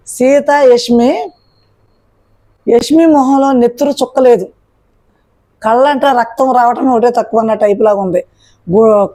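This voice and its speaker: A woman with a high-pitched voice reviews a reality show episode. Her commentary is opinionated and fires off pointed rhetorical questions. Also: warm tone.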